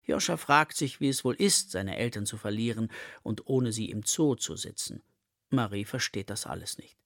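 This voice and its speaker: A man reading a children's story aloud in a slow, expressive way. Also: fairly low pitch, gravelly, no room sound, studio quality.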